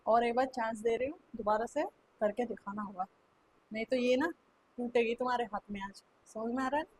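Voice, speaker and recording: A woman plays a strict, scolding schoolteacher in a homemade skit, her voice pitched high above most women's. She nags and repeats herself, pressing over and over for an answer. A faint noise hums under the recording. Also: fairly even intonation, brisk, a little mellow, natural voice, rough recording. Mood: stern. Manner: nagging, repeats herself, keeps demanding answers. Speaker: vlogger acting in a skit. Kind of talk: staged classroom skit.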